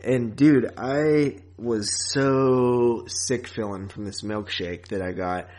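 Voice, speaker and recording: A podcast host with a mid-range, slightly mellow voice takes it slowly in a casual chat about horror movies and podcasting. He rambles along informally and chuckles often.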